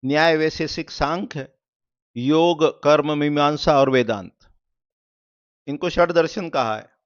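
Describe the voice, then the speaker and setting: Guy teaching a class, kinda higher voice, clear and smooth, muffled lo-fi sound, answers his own questions. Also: takes it slowly. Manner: explains step by step, asks and answers own questions. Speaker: vastu teacher. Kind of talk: explanatory lecture. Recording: muffled lo-fi recording.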